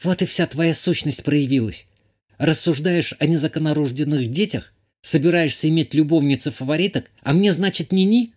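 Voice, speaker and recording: Guy reading as a prickly young countess, indignant and snappy, voice pushed up higher. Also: normal speed, natural voice. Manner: sharp, indignant, reproachful. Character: proud, irritable young noblewoman, a countess.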